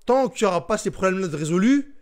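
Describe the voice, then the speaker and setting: A man's voice: sits high, lively intonation, fast. A young man hosting a casual live stream, reading viewer comments aloud and answering them in a chatty, informal way.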